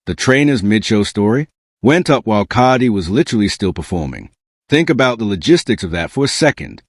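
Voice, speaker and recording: A lowish-voiced man delivers a scripted gossip exposé with very lively pitch swings. He sounds smug and sarcastic, landing slangy, punchy lines. The recording is dry and close, with no room sound. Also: dry recording. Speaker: gossip commentary video narrator.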